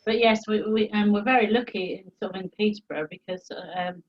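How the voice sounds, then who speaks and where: A British woman chatting casually on a video call, in a halting, hesitant way. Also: medium pitch, fairly even intonation, dull audio. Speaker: exercise class participant. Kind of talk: casual chat.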